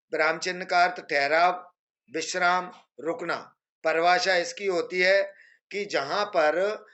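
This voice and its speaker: A male teacher giving a screen-based grammar lesson, explaining patiently and repeating examples slowly. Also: fairly high pitch, bright, forceful tone, dull audio.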